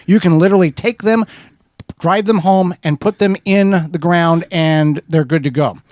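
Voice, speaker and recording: Brief: male radio co-host, slightly high voice, dry studio sound, patient how-to explainer. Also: moderate pace, no room sound. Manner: steady, methodical how-to explaining with small restarts. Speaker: co-host of a gardening radio show.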